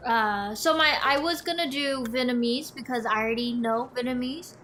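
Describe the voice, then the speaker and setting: A young woman with a slightly high, somewhat bright voice talks at a moderate pace, with a little hiss or hum on the recording. Co-hosting a gaming channel, she chats casually over gameplay, telling a long, meandering story full of restarts.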